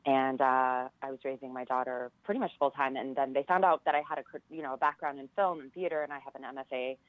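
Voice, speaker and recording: A theater professor and director from California, in her forties, talks fast and casually as an interview guest, telling stories from her life. Her voice is rumbling and low with a steady tone, on a dry, phone-quality recording.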